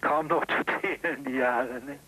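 A man's voice: medium pitch, fairly even intonation, moderate pace, sharp tone, slight background noise. An older man chatting affectionately and sentimentally in a casual phone call, recorded over a telephone line. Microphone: telephone handset.

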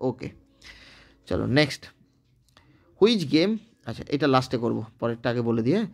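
A man from West Bengal, India, with a Bengali accent records an online English grammar lesson, working through it step by step and frequently checking that students follow. His medium-pitched voice is animated, with vocal fry, at a normal speed.

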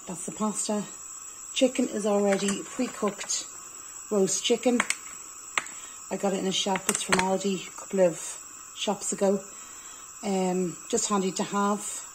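Irish woman in her forties, homely cook-along vlogger, mellow voice, faint kitchen noise, camera on the counter. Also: mid-range voice, low-quality recording. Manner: chatty, homely, explains as she goes. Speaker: home cooking vlogger. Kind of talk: casual cook-along talk. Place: home kitchen. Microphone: camera on the worktop.

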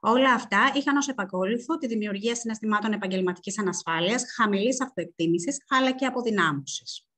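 Delivering research results at a web seminar, this woman has a medium-pitched, fairly bright voice. Her pace is measured, and she hesitates often.

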